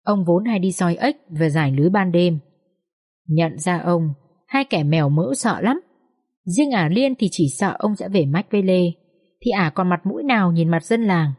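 A woman's voice: on the low side, expressive, moderate pace, a little mellow, husky. A woman narrating a social drama audiobook expressively, commenting on the characters as she reads.

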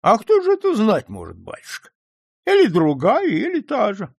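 Dry, mocking young son, pitched higher than the narration, voiced by a male reader. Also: wildly swooping pitch, moderate pace, gravelly, darkish tone, breathy edge, dry recording, heavily acted. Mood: grim. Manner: dry, mocking, serious-faced. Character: sardonic young nobleman son, grim and sharp-tongued.

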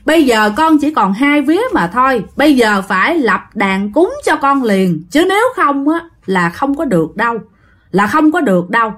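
A woman's voice: fairly high pitch, expressive, moderate pace, a bit bright. A woman voicing an old male village shaman who gives grave, insistent warnings. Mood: urgent warning.

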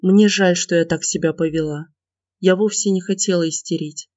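A man reading the part of a tearful, anxious young woman student in an audiobook, in a soft pleading way. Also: sits high, steady tone, moderate pace, no room sound, close to an everyday voice. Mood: upset. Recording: dull lo-fi dry recording.

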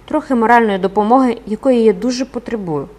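Жінка читає за зухвалого юного школяра. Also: female voice, a little high, quick pace, darkish tone, pitched above the performer's own voice, natural voice. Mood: pleading. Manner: bold, mock-humble. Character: cheeky young male student, pleading.

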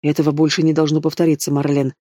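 A man's voice: a little high, completely flat delivery, fast, mellow, no room sound, clean studio sound, close to an everyday voice. A man voicing a cold, commanding male dragon ruler in an audiobook, speaking in an icy tone. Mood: low intense.

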